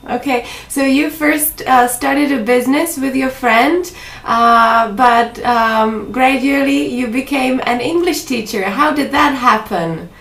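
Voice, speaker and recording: A woman who teaches English and hosts a video blog, presenting in a clear, measured way and asking interview questions. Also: sits high, fairly bright tone, far from the mic. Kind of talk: scripted intro, then interview questions.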